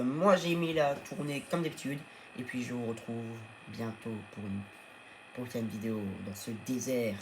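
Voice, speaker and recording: A man's voice: mid-range voice, noisy background. A man hosting a gaming video, chatting casually as he plays and coaxing his tamed creatures aloud. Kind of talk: casual let's-play commentary.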